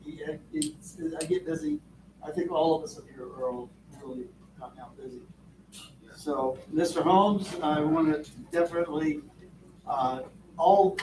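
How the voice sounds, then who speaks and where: Recorded from afar in an echoey school board meeting room with background noise, a man from Vermont who sits on the board offers folksy, rambling remarks packed with fillers. His pitch is fairly high.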